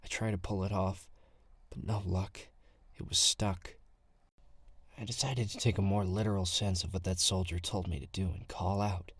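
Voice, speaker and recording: A man playing a low, husky nervous survivor. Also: steady tone, normal speed, dry recording. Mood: uneasy. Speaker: first-person narrator. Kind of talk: audio drama narration.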